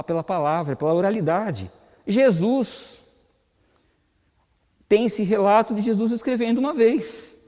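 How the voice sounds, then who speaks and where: This spiritist-center lecture comes from a Brazilian man whose voice is a little high and dark, carrying a Brazilian Portuguese accent. He talks to the audience in a conversational way, posing rhetorical questions, while the hall reverberates around him.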